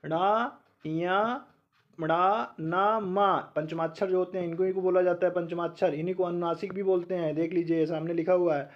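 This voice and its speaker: A man's voice: high voice, little pitch movement, fast talker, hardly any pauses, highs cut off. A man teaching an exam-prep lecture, asking learners questions and answering them himself, sounding out letters one by one.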